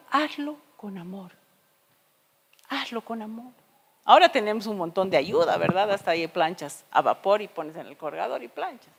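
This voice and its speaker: A woman preacher delivering a sermon, telling stories with dramatic shifts between loud and soft. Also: mid-range voice, in a large hall. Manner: expressive storytelling with dramatic shifts in loudness. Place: church.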